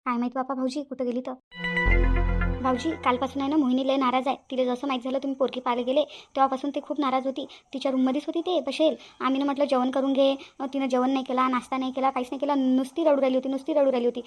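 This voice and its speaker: A woman's voice: high voice, flat delivery, very fast, faint music behind, close to an everyday voice. A woman voicing a chatty village daughter-in-law. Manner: exclaiming, gossipy. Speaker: cartoon voice actress. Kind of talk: cartoon family drama dubbing.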